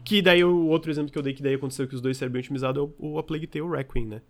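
Fast-talking podcast host. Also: male voice, on the high side, fairly even intonation. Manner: quick, opinionated, hedging. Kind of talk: casual chat.

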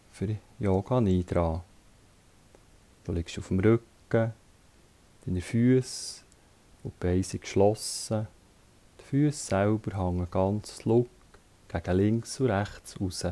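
A yoga teacher with a Swiss German accent and a fairly low voice leads a guided relaxation. He calmly gives brief instructions separated by long pauses.

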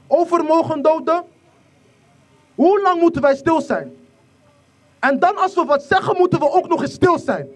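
A speaker from the Netherlands giving an impassioned protest speech outdoors, repeating lines and rising into shouts. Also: sits high. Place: outdoor protest rally in rain. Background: faint crowd.

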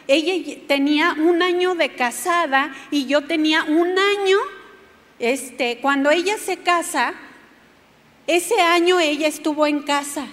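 A woman's voice: sits high, fairly bright tone. A woman preaching a sermon, telling a personal testimony and speaking straight to her listeners. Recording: long church hall reverb.

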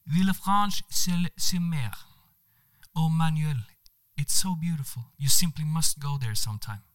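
Give me a man playing a posh, pretentious woman, voice pushed up high, showy and drawn out. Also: natural voice. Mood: affected. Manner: affected, showy, drawn-out speech. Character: posh, self-important Norwegian woman traveler. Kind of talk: comedic story reading.

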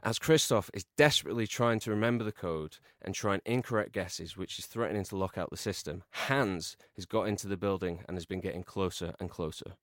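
A man co-hosting a podcast, reading out a comic film pitch with deadpan storytelling delivery. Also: a little fast, hardly any pauses, no echo, clean studio sound. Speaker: podcast co-host.

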